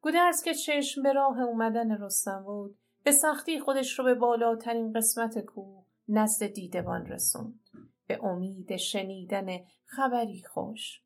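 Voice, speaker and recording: A woman storyteller narrating an epic tale in a dramatic, measured way, reciting verse between prose. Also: on the high side, faint music behind.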